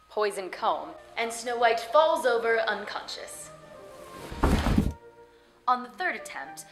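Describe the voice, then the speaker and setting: Hosting a fairy tale web show, a woman with a slightly high voice narrates scripted stories to viewers in a playful, theatrical manner. The recording is rough.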